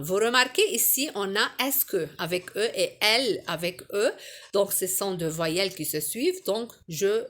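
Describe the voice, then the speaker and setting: A woman teacher giving a French grammar lesson to her pupils, patient and clear, with a sing-song rise on her questions. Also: mid-range voice, a bit bright.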